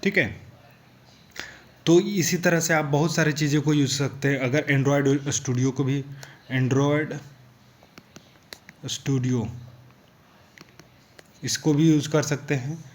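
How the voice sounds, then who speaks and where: A man's voice: fairly high pitch, fairly even intonation, takes it slowly, pauses often. A young man explaining programming basics in a casual tutorial, looping back often with "thik hai" and "guys". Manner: repetitive, loose, filler "thik hai" and "guys".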